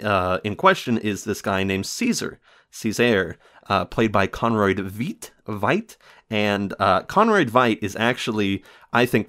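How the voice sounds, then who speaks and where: A man hosting a casual film review show, rambling with many fillers and self-corrections and laughing often. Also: lowish voice.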